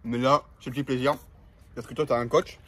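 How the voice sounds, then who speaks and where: Fast-talking slangy young man. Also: medium pitch, steady tone. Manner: slangy, loud and hyped, talking to camera. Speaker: vlogger. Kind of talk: casual chat while eating. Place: in a car, then at a table eating.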